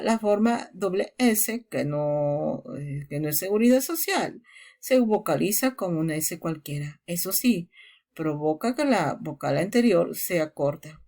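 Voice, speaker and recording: A woman's voice: on the low side, a little mellow. A woman language teacher giving a recorded lesson, explaining step by step and repeating each example word. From Mexico.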